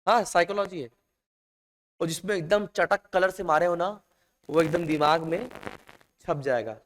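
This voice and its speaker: A man with a high-pitched voice teaches a classroom lesson at an unhurried pace. He stretches out each stressed word for emphasis. The recording carries a long, ringing reverb from the room. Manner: emphatic, drawn-out stressed words, addresses students as "beta". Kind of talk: classroom lecture.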